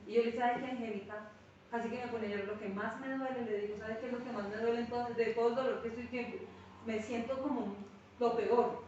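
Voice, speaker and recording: A woman's voice: fairly high pitch, fast talker, a little hiss or hum. Echoey, distant woman preaching. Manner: lively storyteller who acts out quoted speech. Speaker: pastor teaching a Bible class. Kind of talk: sermon-like Bible teaching with anecdotes. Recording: very echoey room, distant mic, dull sound.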